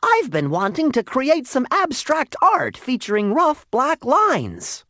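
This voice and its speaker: A man voicing an excitable, artistic young boy in a storybook. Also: very high voice, takes it slowly, no echo, clean studio sound, pitched above the performer's own voice, heavily acted. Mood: thrilled.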